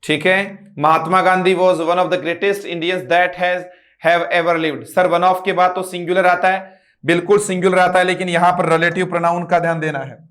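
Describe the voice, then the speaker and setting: A man with a Rajasthani Hindi accent teaching English grammar, reading example sentences slowly and drilling his students with frequent check-ins. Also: sits high, flat delivery, a bit bright. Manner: drills students, repeats "ठीक है" and "मित्रों". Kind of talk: classroom lesson.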